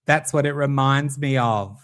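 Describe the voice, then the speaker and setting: A man's voice: medium pitch, a little slow, a bit bright. A man hosting a casual tarot livestream, theatrical and giggly, calling his viewers darling. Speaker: tarot reader streaming host.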